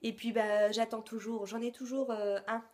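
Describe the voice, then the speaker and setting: A woman beauty vlogger in a casual product review, talking straight to her viewers and often pausing to search for words. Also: on the high side, flat delivery, a little mellow. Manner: hesitant, frequent filler sounds and restarts; chatty, addresses viewers directly.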